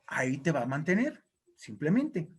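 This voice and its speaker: A man's voice: on the high side, sing-song, moderate pace, breathy edge. A male pastor preaching a sermon in an emphatic, exhorting way.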